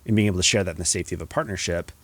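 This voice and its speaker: A male podcast host thinks out loud, reflective and soft-spoken, and fills his talk with casual fillers. His voice sits fairly low. The sound is dry and close, with no room sound. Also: rapid-fire, no echo.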